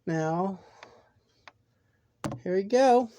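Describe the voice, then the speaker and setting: Mellow-voiced woman hosting a horror channel. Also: mid-range voice, drawn-out words, slight background noise. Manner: relaxed, chatty, repeats "now". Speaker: horror story channel host. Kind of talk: casual chat to viewers.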